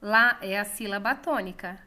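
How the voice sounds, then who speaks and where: A woman teacher with a Brazilian Portuguese accent, giving a recorded lesson for children and drawing out words slowly so pupils can hear them. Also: mid-range voice, pushed and bright.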